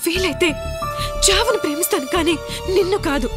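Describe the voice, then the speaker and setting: A woman's voice: very high voice, brisk. An actress playing a young woman trapped by a killer, speaking in a tense, guarded and earnest way. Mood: defiant. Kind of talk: film drama acting. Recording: film soundtrack with loud music.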